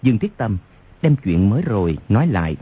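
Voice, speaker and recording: A man's voice: fairly low pitch, sing-song, brisk, breathy edge. A man narrating a martial arts novel as an audiobook on radio, reading expressively. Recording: lo-fi radio recording.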